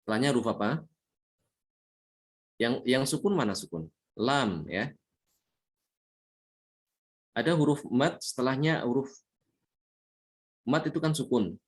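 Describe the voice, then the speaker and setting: A man's voice: medium pitch, lively intonation. Man teaching Quran recitation. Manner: explains patiently, repeats points with frequent "ya", chants Arabic examples slowly. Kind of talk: classroom tajwid lesson.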